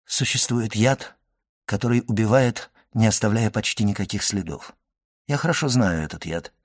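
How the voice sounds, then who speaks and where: A man reading aloud as a solemn, grim middle-aged physician who speaks in a measured, hushed way. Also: fairly low pitch, lightly acted. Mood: grave. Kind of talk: audiobook reading.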